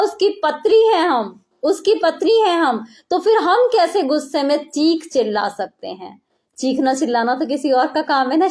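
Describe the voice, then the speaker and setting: A woman's voice: sits high, a little mellow. A middle-aged woman preacher giving an earnest sermon, repeating key phrases for emphasis.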